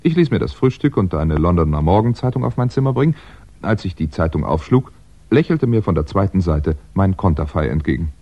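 In a 1960s German radio crime play, a male actor portrays a hunted crime novelist with a full, expressive character voice. His voice is low, dark and slightly husky, measured and wry as he narrates. The recording sounds dull, like old mid-sixties radio.

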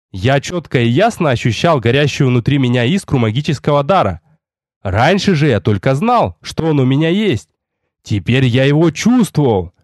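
A man narrating a first-person fantasy audiobook in an expressive storytelling manner. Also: mid-range voice, dry recording, clean studio sound. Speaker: audiobook reader.

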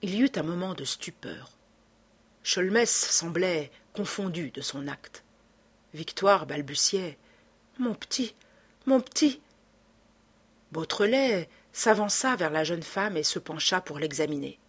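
A woman narrating an audiobook with a dramatic, expressive reading. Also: lowish voice, measured pace, breathy edge.

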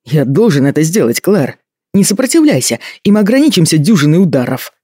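A man's voice: a little high, brisk, no echo. A man reading an audiobook voices a stern young husband who speaks firmly and evenly, with dry mockery. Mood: mocking. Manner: steady, even-toned.

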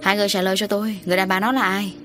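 A stern police officer fires off questions in a brisk, serious tone in a storybook reading. A woman reader plays him. Soft music plays faintly behind. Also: mid-range voice, flat delivery, lightly acted.

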